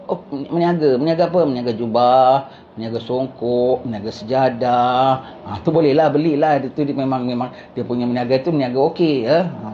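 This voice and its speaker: A man from Singapore, a religious teacher giving a lecture. He reads slowly from a book, then explains it in casual asides full of rhetorical questions. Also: medium pitch, highs cut off, a little hiss or hum.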